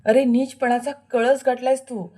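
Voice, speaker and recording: A woman's voice: fairly high pitch, normal speed, darkish tone, close to an everyday voice. A woman voicing an angry, stern woman from a serial who harshly scolds a relative. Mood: furious. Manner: scolding, fierce.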